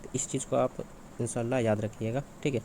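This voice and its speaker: A man's voice: mid-range voice, fairly even intonation, a little fast, dark tone, a little hiss or hum. A man teaching exam preparation, walking through questions and answers in a repetitive question-and-answer manner. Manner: repetitive, asks and answers his own questions.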